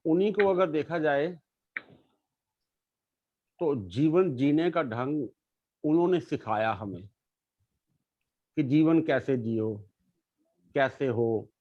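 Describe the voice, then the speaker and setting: Middle-aged man, earnest and halting, talking about his life, dull lo-fi recording with no room sound. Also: on the high side, no room sound. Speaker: guest sharing his life story. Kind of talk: casual conversation.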